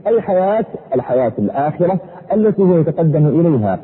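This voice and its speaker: A man preaching a sermon in a husky voice, fervent, his pitch sweeping up and down. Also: big pitch swings, quick pace. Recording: echoey hall over a tinny phone-like line.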